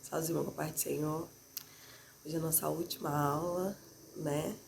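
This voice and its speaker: Congested and a bit hoarse from a cold, a woman teaches a Bible class in a stuffy, nasal voice with a gravelly rasp. Her low, darkish voice keeps fairly even intonation at normal speed, and she speaks conversationally, often tagging "né?" onto sentences, with slight background noise.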